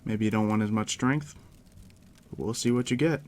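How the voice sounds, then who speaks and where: Against a crackling fire and steady background noise, a man with a fairly low, gravelly voice speaks in a hush as a game master. It's a soft-spoken ASMR roleplay where he unhurriedly explains tabletop game rules, chatting directly to the listener.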